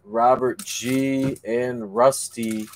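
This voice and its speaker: A man co-hosting a card break, announcing that buyers' invoices are sent and teasing his partner in a relaxed way. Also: mid-range voice, extremely slow, background noise. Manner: relaxed, teasing, laughs along. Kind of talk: casual card-opening chat.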